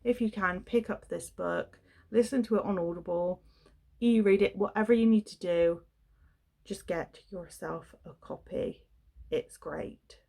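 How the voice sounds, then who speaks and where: Young female book vlogger, sore croaky throat, chatty and self-correcting. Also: medium pitch, measured pace, dark tone. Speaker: book reviewer. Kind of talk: casual book review vlog.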